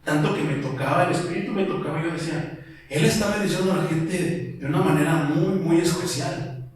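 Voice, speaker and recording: A man's voice: a little high, a little fast, distant mic. A man preaching a casual Bible commentary, telling stories and calling his listeners brother. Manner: conversational, storytelling, addresses listeners as brother. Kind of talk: informal church Bible commentary. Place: church hall. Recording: very echoey hall, voice off-mic.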